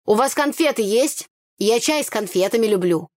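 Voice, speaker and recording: A woman's voice: a little high, animated, moderate pace, a little mellow, no echo, studio quality, close to an everyday voice. A woman voicing a brash, gossipy young village woman who talks bluntly in slang.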